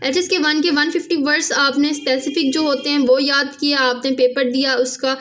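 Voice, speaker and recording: A woman teaching a casual language lesson, often checking in with "theek hai" and slowing down to spell out sounds. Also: high-pitched, little pitch movement, fairly bright tone. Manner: repeats "theek hai" after each point, spells out sounds slowly.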